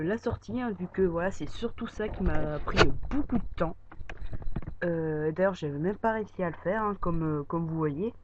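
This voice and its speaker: A French-speaking gamer casually walking viewers through a building project, talking hesitantly with many filler words. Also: medium pitch. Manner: hesitant, filler-heavy, many "voilà" and "euh". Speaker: YouTuber showing a building project. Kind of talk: casual game walkthrough commentary. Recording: dull lo-fi mic with steady noise.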